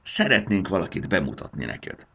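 A man voicing an eager young male dragon who talks in a hurried, coaxing way in a storybook reading. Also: low voice, huge pitch swings, vocal fry, bright, forceful tone, pitched above the performer's own voice, full character voice.

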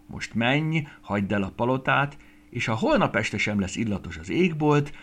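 A man's voice: medium pitch, big pitch swings, fairly bright tone, pitched above the performer's own voice. Man doing a proud, commanding star queen. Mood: stern. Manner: commanding, stern. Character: proud grand female evening star, hostess of the ball.

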